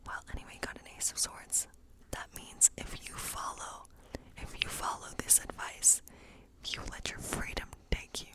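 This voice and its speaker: The recording is poor, but a woman can be heard whispering softly and breathily at normal speed in an ASMR role play. As a friendly witch, she gives a rambling, informal, encouraging tarot reading.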